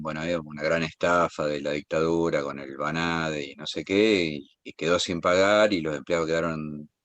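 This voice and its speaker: A man with an Argentine accent, a guest speaking with passion and rushing to say many things at once. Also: a bass voice, a bit bright, dry recording. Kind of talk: impassioned talk.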